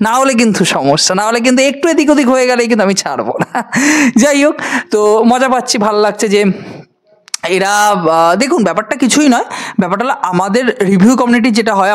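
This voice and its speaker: A man, a film-review vlogger ranting sarcastically to camera and scolding his critics. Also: extremely high pitch. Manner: sarcastic, scolding, addresses viewers directly. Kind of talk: ranting direct-to-camera vlog.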